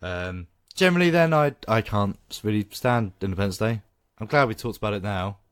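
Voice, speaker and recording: A man co-hosting a podcast, giving opinionated, animated takes in casual film chat. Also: fairly low pitch, fairly quick, clear, resonant tone. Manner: opinionated, animated, laughs often. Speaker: podcast co-host.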